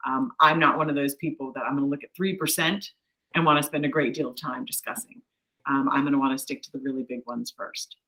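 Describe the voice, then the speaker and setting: Bright-voiced woman leading a workshop. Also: sits low, rough recording. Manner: chatty, encouraging, with light laughs. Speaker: workshop presenter. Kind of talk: online workshop presentation. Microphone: video call.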